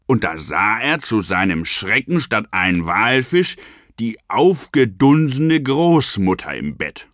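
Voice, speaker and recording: A man's voice: lowish voice, very animated, takes it slowly, fairly bright tone, no echo, clean studio sound. A man telling a fairy tale comically, in the manner of an old sailor spinning a yarn, with mock-earnest asides. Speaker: storyteller.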